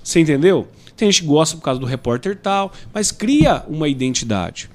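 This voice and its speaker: A man from Brazil in casual chat, animated and joking, often mimicking people. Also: on the high side, normal speed.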